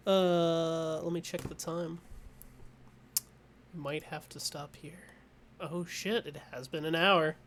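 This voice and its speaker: A woman's voice: deep voice, fairly even intonation, slow, long pauses, a little hiss or hum. Playful woman hosting a game playthrough. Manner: playful, swears, laughs easily. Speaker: let's play host. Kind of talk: casual gameplay commentary.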